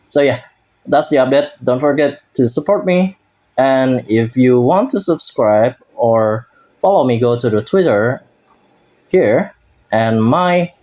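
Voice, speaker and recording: A gaming YouTuber casually goes through a game update, speaking halting English as he searches for words. His voice is medium-pitched with a darkish tone.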